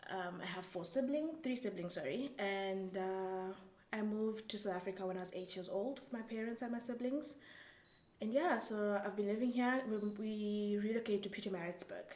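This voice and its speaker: A young woman from Zambia, whose first language is Tumbuka, answering interview questions in a thoughtful, halting way with many restarts. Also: mid-range voice, darkish tone. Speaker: guest. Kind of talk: casual interview. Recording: echoey room, faint background noise.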